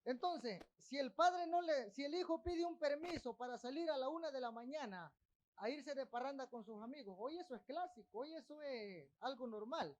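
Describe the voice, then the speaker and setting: A man's voice: extremely high pitch, moderate pace. A man preaching a sermon as pastor of a church, breaking off with asides to the congregation. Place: church in Texas.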